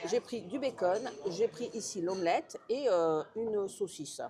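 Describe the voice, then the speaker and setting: A woman's voice: mid-range voice, measured pace, crowd noise. A woman giving a casual vlog tour of a hotel breakfast buffet, chatting straight to the viewer and listing the dishes one by one. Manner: chatty, lists items one by one, addresses viewer directly. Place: indoor hotel breakfast room.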